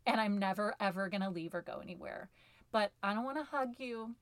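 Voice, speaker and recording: A woman's voice: medium pitch, fairly quick, no room sound. Blunt joking woman podcast co-host. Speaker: choir director, podcast co-host. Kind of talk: casual podcast chat.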